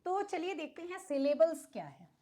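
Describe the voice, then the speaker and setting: A woman's voice: very high voice, very animated, normal speed, mellow. A woman with an Indian accent explaining an English lesson to students, patiently asking questions and answering them herself. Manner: mixes English words into Hindi. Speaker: English teacher.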